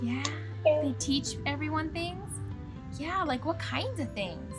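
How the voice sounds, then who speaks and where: A woman's voice: high voice, lively intonation, slow, over music. A woman in her thirties presenting an educational children's show as host and teacher, encouraging and explanatory. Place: small room indoors.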